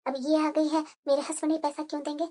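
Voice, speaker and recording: A selfish elder daughter-in-law from a family cartoon, sarcastic and resentful, played by a woman. The voice is very high and bright, with a sharp, cutting edge. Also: a little fast. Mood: muttering. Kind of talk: cartoon voice acting.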